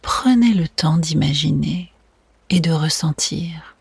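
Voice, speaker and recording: A meditation guide speaking in a soft, soothing, breathy spa whisper, gently narrating a relaxation exercise. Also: mid-range voice, takes it slowly, dry recording. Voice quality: breathy, hushed.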